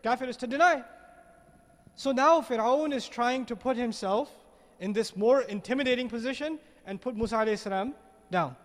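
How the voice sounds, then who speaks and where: A man's voice: very high-pitched, moderate pace, in a large hall. A man giving a Quran commentary lecture, asking the audience rhetorical questions and repeating words as he searches for them. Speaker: religious lecturer.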